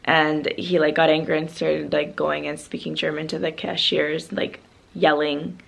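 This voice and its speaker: Brief: young woman vlogger, lowish creaky voice, chatty storytelling full of "like". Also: unhurried. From Canada. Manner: heavy use of "like" filler, animated retelling. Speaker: travel vlogger. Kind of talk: casual vlog storytelling.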